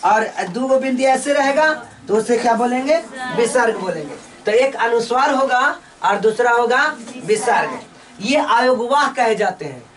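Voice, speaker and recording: A woman teaching a lesson. She asks each question, then answers it herself in slow, repeating drills. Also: on the high side, animated, recorded from a distance, crowd noise. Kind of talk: classroom lesson with call-and-response drills.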